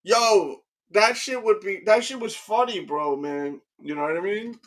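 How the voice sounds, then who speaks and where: A man with a high voice talks in loose, casual chat. His tone is bright and forceful. He rambles, restarts his sentences and keeps checking in with his listener. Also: measured pace. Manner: rambling, keeps asking "you know what I mean".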